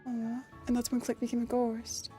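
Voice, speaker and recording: A woman streaming a game, chatting excitedly and reading game text aloud. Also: a little high, normal speed, faint music behind. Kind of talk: casual live-stream commentary.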